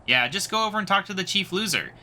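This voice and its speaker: A sneering, greedy pirate lout snaps insults in a high, sharp, bright voice, put on by a man. The delivery swings widely in pitch with a mocking edge, made for a game playthrough. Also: lively intonation, quick pace, exaggerated voice. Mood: scornful. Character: rude greedy scornful male pirate sidekick.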